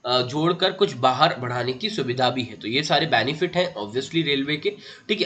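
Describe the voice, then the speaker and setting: Male exam-prep teacher, a touch higher than average, bright forward tone, patient and repetitive, calls students beta. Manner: addresses viewers as beta, repeats key facts, often adds "theek hai". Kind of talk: online exam-prep lesson.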